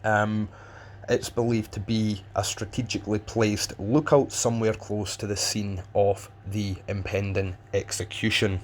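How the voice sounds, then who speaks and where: A man's voice: fairly low pitch, flat delivery, measured pace. A man giving casual, unscripted commentary in a blunt, rambling, sweary way. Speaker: narrator explaining a violent video.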